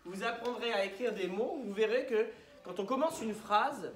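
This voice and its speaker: A woman's voice: a little high, expressive, moderate pace. A woman teacher leading a class of young children, asking them questions and encouraging them. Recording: echoey classroom, from far off.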